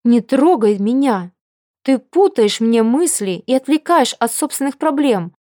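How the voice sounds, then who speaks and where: A proud, fiery young woman soldier from an audiobook snaps back with indignation, voiced by a woman. The voice sits higher and louder than the reader's own, and the recording is dry and close. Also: expressive, unhurried, no echo. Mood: indignant. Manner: indignant, snapping. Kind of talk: audiobook character voice.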